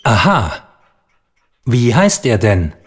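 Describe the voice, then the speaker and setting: A man voicing a kind older male neighbour in a textbook listening dialogue, friendly and unhurried. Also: medium pitch, huge pitch swings, husky, exaggerated voice.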